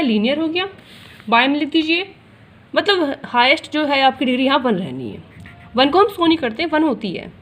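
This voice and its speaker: Woman, high voice, patient classroom maths teacher who mixes English terms in. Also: fairly bright tone. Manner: explains step by step, asking and answering her own questions; addresses students directly, repeats key points.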